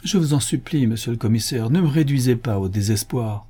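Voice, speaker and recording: A man voicing a poor, desperate man who whimpers and pleads in a high, wailing voice. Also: animated, normal speed, warm tone, husky. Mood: pleading. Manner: whimpering, high-pitched lament.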